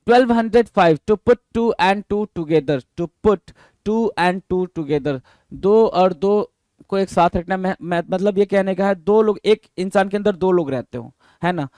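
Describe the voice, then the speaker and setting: In a clean studio recording with no room sound, a man whose voice sits high and a little mellow teaches an exam-prep vocabulary lesson. He reads English definitions slowly, quizzes students, and spells words out letter by letter.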